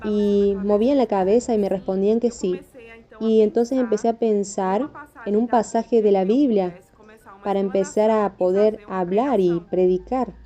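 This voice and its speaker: Woman preacher, earnest testimony storyteller, deep mellow tone, faint music bed. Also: steady tone, normal speed. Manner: earnest storytelling, acts out dialogue. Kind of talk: spoken testimony of a vision.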